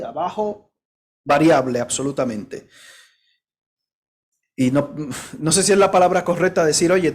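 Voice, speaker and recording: Casting: male pastor, sermon delivery, emphatic, rhetorical questions to the congregation, fairly high voice. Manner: direct warnings to the listener.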